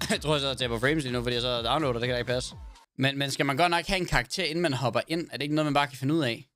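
A man's voice: medium pitch, a bit bright, faint music behind. A man streaming a game, chatting casually to his viewers in a rambling way and swearing now and then. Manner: rambling, swears, talks to chat. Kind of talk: casual live-stream chat.

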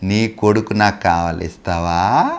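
A man's voice: low voice, fairly even intonation, a little slow, clean tone, pitched below the performer's own voice. A mighty male deity who teases his follower and then makes grave demands, voiced by a man telling it in a sermon.

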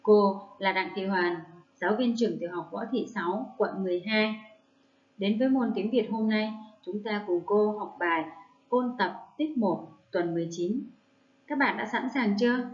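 In a muffled recording, a woman primary school teacher with a medium-pitched voice gives a lesson to first graders. She reads rhymes and words aloud slowly and clearly.

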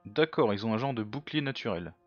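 A man with a lowish voice talks through his game in a loose, thinking-aloud way, dropping into quiet mutters as he weighs each move. The sound is dull and lo-fi, with faint game music underneath. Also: lively intonation, a little fast, no echo. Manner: self-mocking. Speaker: let's play gamer. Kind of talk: casual game commentary.

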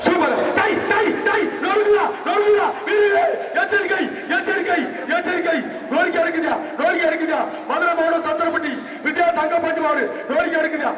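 A man calling a bull-taming event through a public-address loudspeaker, excited and shouting repeated short cries. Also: very high-pitched, fairly quick, hardly any pauses. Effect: heard through a public-address loudspeaker. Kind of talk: live commentary over loudspeaker. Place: open-air arena with a large crowd. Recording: echoing loudspeaker from far off over crowd.

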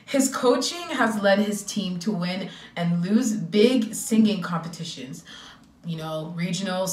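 A woman's voice: lowish voice, echoey room, recorded from a distance. A young woman YouTuber ranting bluntly and laughing as she gives her honest opinion in a casual vlog. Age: young adult. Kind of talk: casual rant video.

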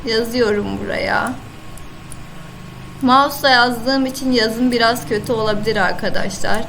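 A woman with a Turkish accent gives a recorded online lesson through her computer mic. She speaks slowly in a fairly high voice, repeating each sound with patient care, and a faint noise hums under her. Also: fairly even intonation, vocal fry, a bit bright, low-quality recording. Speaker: Arabic teacher. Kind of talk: online lesson, screen-share.

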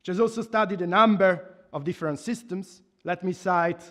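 A man in his thirties from Italy, with an Italian accent and a high, fairly bright voice, reads a formal laudation from notes at a lectern in a university hall. As the professor giving the speech, he is earnest and measured, with restarts and emphatic pauses, into a microphone on a stand.

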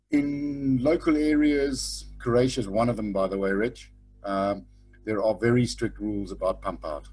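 A middle-aged man runs an online sailing lecture from his webcam, speaking bluntly and informally and checking in with "okay?" after his points. His voice is on the low side with a breathy edge, captured on a rough recording.

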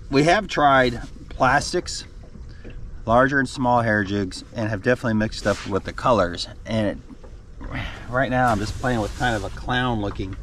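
Recorded on an action camera aboard a boat on a lake, a middle-aged man from the American South speaks at medium pitch with slight background noise. A fishing guide and rod maker, he chats in a relaxed way for a casual fishing vlog, explaining his rod and getting excited over big catches.

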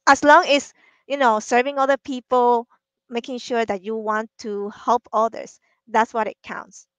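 Woman guest from the dominican republic, earnest and encouraging, higher voice, dry headset mic on a video call. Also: little pitch movement, measured pace, a bit bright, smooth, dry recording. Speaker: guest, marketing consultant. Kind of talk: casual interview talk. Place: room at home, indoors.

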